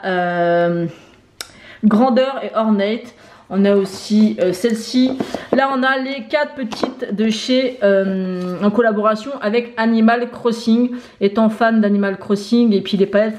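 Casting note: fairly high-voiced woman, chatty beauty vlogger, lots of "euh", echoey home room with faint noise. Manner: chatty, many fillers, lists items one by one. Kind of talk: casual makeup collection tour.

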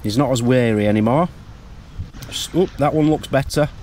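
Casual male wildlife vlogger, mid-pitched, chatty and eager, recorded outdoors in woodland. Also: moderate pace, slight background noise. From United Kingdom. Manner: chatty, easily excited. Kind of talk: casual outdoor vlog narration.

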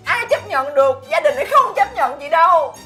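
High-voiced whiny country sister, over-the-top dramatic. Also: female voice, expressive, a little fast, pushed and bright, soft background music. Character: naive, emotional young country woman, the younger sister. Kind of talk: sitcom acting.

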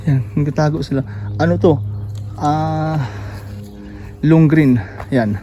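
A man giving a casual walk-through tour of his backyard vegetable garden, relaxed and pointing things out with many fillers, a little out of breath. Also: a little high, slow pace, soft background music. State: slightly out of breath after jogging. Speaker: gardening vlogger.

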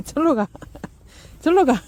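Lady fussing at her dogs, chuckling a lot, slow, high-pitched. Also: sing-song, mellow. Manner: playfully scolding, chuckling often. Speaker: dog owner filming her pets. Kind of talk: casual talk to dogs.

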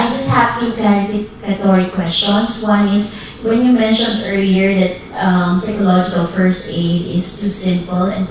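A woman's voice: mid-range voice, a little hiss or hum. A woman with a Filipino accent asking questions from the floor of a workshop, hesitant and full of fillers. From Philippines. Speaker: workshop participant. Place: hotel conference room. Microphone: handheld microphone through room speakers. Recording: very echoey hall from far off.

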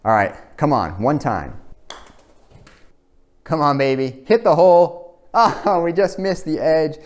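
A man's voice: on the high side, expressive, takes it slowly. A young man giving casual, informal golf commentary, talking through his own play. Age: young adult. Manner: self-narrating, informal. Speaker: host of a simulator golf series.

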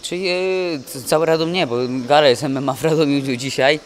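A young man, a boxer, speaking in a halting, dejected way with many restarts in a post-fight interview at an indoor event press wall. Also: medium pitch. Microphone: handheld mic held by interviewer.

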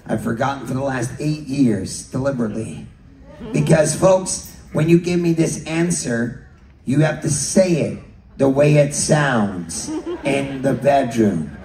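Scottish male game show host, slow and bouncy, heard from far off in an echoey hall. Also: medium pitch. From Scotland. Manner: animated and teasing, laughing and shouting punchlines. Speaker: cruise director hosting a couples' game show. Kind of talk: live game show hosting. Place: cruise ship theater with a live audience. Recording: echoey hall, distant mic, crowd noise.

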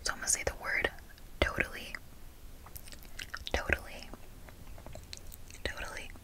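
Whispering close to a fur-covered desk mic indoors in her bedroom, a young adult ASMR video creator from Miami, United States, speaks with a Miami accent. Her talk is slow and deliberate, with phrases repeated.

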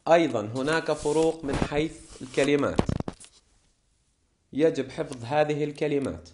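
A male English teacher with a Levantine Arabic accent, explaining vocabulary in a classroom lesson and reading word lists slowly and deliberately. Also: on the high side, a little mellow.

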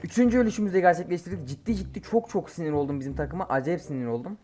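A man giving live gameplay commentary as a mobile game streamer, excitable and quick to curse and shout at his teammates. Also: on the high side, soft background music. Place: home, playing on an emulator.

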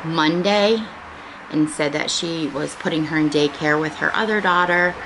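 This vlogger is an American woman in her forties with a deep voice, talking at a moderate pace. She rambles informally and conversationally to her viewers. The recording, made indoors in a small home living room, carries noticeable background room noise.

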